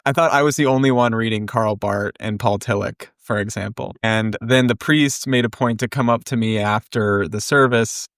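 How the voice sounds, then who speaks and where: A young adult man telling his story in a podcast interview, relaxed and reflective with frequent ums. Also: fairly low pitch, moderate pace, few pauses, dry recording, clean studio sound. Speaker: podcast co-host and guest.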